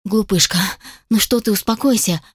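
A woman's voice: mid-range voice, normal speed, breathy edge, no echo, studio quality, natural voice. A woman reading a placating male dragon inventor. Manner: placating, soothing. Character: flustered male dragon inventor, absent-minded genius. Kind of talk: audiobook character voice.

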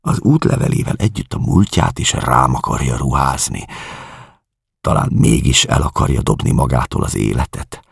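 A man narrating a literary audiobook in a measured, somber way. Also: very deep voice, very animated, creaky, husky, dry recording, studio quality. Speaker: audiobook reader.

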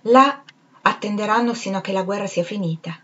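A woman's voice: mid-range voice, a little fast, fairly bright tone, muffled recording, lightly acted. A woman reading as a solemn dead soldier chanting. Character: dead soldier singing among orchids, solemn. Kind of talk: audiobook reading.

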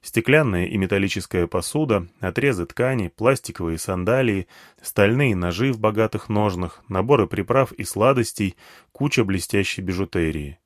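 A man reading a first-person story aloud in an expressive, conversational storytelling manner. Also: lowish voice, normal speed, dry recording, studio quality. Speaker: audiobook narrator. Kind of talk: first-person audiobook narration.

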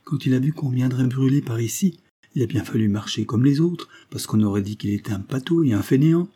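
A man's voice: mid-range voice, fairly quick, dark tone, slightly rough, pitched above the performer's own voice, natural voice. A man reading the part of an older, kind peasant mother who talks in plain, earnest country speech.

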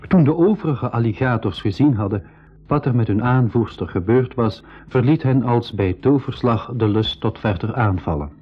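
In a dull old recording of a Dutch-language 1980s school radio drama, an actor-narrator plays an excitable young brother telling his own adventure. His husky, mid-range voice sits close to an everyday voice, and he tells the story at a moderate pace in a measured way.

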